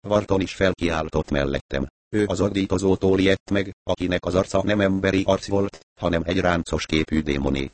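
Deep-voiced male audiobook narrator. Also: few pauses, dry recording. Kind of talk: first-person novel narration.

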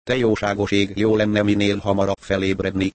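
A man narrates an audiobook with a very low, deep voice. His reading is steady and even. The sound is close and dry, with no room around it. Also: dry recording. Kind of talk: scripted narration.

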